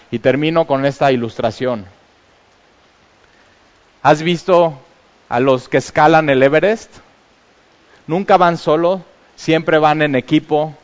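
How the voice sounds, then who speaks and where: A man preaching a sermon as pastor, urging and animated, with exclamations when he tells stories. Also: sits high, clear, resonant tone, long reverb tail.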